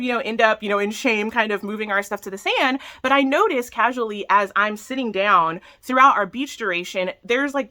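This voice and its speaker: Bright-voiced woman telling personal stories. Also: mid-range voice. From Texas. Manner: conversational, many "you know" and "like", frequent laughs. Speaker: vlogger. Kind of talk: personal storytelling to camera.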